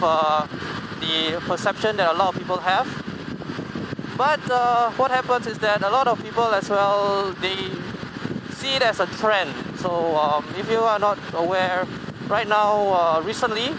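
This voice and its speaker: A man talking casually while riding a motorcycle on a highway, rambling with many fillers and restarts and the odd swear word, into a helmet mic. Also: moderate pace. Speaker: motovlogger. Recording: loud road and wind noise. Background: loud road and engine noise.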